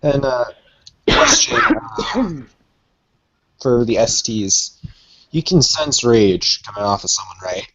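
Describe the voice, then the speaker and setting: Husky, animated man playing a tabletop game. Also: medium pitch, slow pace, long pauses, lo-fi sound. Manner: animated, narrates own character. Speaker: player.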